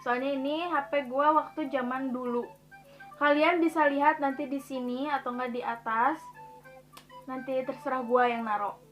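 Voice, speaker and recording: Young woman vlogger, high bright voice, chatty n slangy, faint music under it. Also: fairly even intonation, normal speed, muffled recording. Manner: chatty, slangy, addresses viewers as guys, laughs often. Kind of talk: casual chat to camera.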